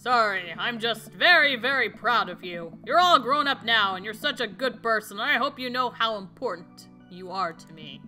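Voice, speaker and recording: A sentimental dad, caring and a little teary, talks earnestly to his grown daughter, read out by a woman with a bright, slightly high voice. The reading is gentle and emotional, close to her own voice. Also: expressive, normal speed, few pauses, faint music behind.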